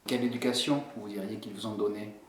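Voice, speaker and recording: Soft-spoken man asking questions in an echoey room. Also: on the low side, quick pace, slight background noise. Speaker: interviewer.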